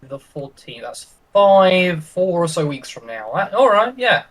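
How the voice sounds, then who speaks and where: A male player chats loosely after a tabletop session, easygoing and joking. His voice sits fairly high for a man. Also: sing-song, a little slow, poor audio. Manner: easygoing, jokey.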